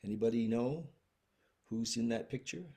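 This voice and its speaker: A man hosting a recovery video from home, talking casually and gently, with many restarts, and apologetic. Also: mid-range voice, moderate pace, gravelly, slightly rough. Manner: rambling, many restarts and fillers. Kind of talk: casual heartfelt talk. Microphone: webcam video stream.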